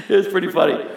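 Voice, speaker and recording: A middle-aged man preaching a sermon as pastor, talking conversationally and putting questions to the congregation. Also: medium pitch. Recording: echoey hall with long reverb.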